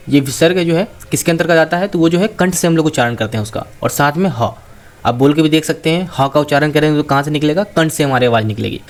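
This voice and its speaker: A man teaching a lesson on the alphabet, asking questions and answering them himself, and sounding out single letters with care. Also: on the high side. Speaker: Hindi teacher. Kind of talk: explanatory lesson.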